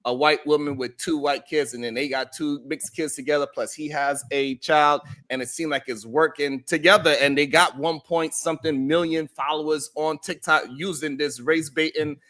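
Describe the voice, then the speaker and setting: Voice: medium pitch, steady tone, normal speed, few pauses, a bit bright. A host giving casual live commentary, thinking aloud in a hesitant way.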